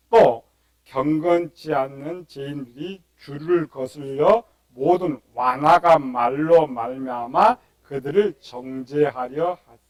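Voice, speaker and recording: A man's voice: a little high, dry recording, low-quality recording. A male pastor preaching a midweek sermon, asking rhetorical questions and mimicking complainers.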